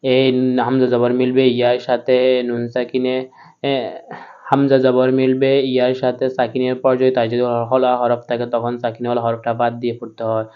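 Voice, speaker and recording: A man teaching Quran reading by spelling out the syllables, chanting the verses slowly and explaining the rules in quicker speech, with a Bangladeshi Bengali accent. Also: medium pitch, monotone, smooth, muffled recording. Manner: slow drawn-out chanting of Arabic syllables between quick explanations. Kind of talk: spelling-out Quran recitation lesson.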